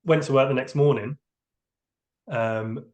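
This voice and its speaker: A man's voice: medium pitch, unhurried, darkish tone. A man, a train driver giving a candid, hesitant personal account in a podcast interview. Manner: hesitant, open, emotionally candid.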